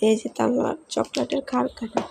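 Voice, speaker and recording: A young mother with a hoarse voice from a cold, chatting casually to viewers at home and coaxing her small children. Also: a little high, level tone, normal speed, noisy background. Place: home indoors.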